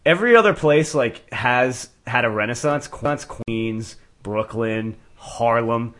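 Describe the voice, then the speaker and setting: A man's voice: mid-range voice, expressive, takes it slowly, fairly bright tone, slight background noise. A man co-hosting a podcast, telling stories in a crude, exasperated way. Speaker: podcast co-host. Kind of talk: casual podcast banter.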